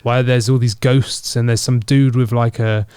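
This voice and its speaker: A man, co-hosting a casual podcast chat, animated and quick to mimic sounds and voices. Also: mid-range voice, smooth, no room sound. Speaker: podcast co-host. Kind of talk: casual chat reacting to a game trailer. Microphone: studio podcast mic.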